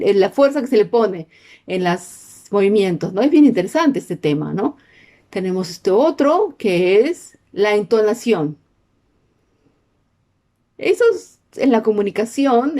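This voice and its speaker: Woman teaching a class, lots of little questions to the class, bouncy voice that sits a bit high. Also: darkish tone. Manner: peppers sentences with questions to the class. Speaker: sign language teacher. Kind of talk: explanatory class talk.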